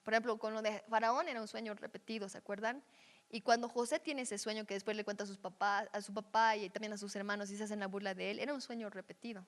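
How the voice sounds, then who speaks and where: A woman's voice: medium pitch, steady tone, fast talker, long reverb tail. A woman giving a teaching session on dreams. She speaks conversationally and often checks in with her listeners. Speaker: Bible teacher.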